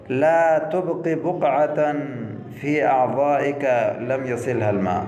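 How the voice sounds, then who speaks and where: A male Arabic teacher. He reads phrases slowly and deliberately, then explains them quickly in Urdu. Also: mid-range voice, darkish tone. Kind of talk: bilingual language lesson. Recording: echoey room with long reverb.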